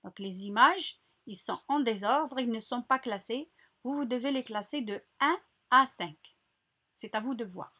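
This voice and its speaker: Woman, teacher, husky, fairly high voice, patient, slow, repeats syllables, classroom walkthrough. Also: sharp tone. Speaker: primary school teacher. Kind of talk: recorded lesson walkthrough.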